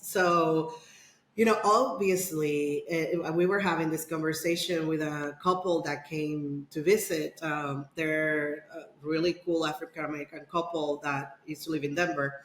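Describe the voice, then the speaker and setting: This podcast guest, a middle-aged woman from the Dominican Republic, has a deep but slightly bright voice. She rambles through a casual personal story full of fillers and restarts, recorded in a room with a noticeable echo.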